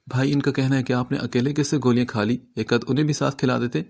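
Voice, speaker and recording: A man's voice: medium pitch, steady tone, creaky, darkish tone. A man doing a cheeky younger brother. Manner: mischievous teasing.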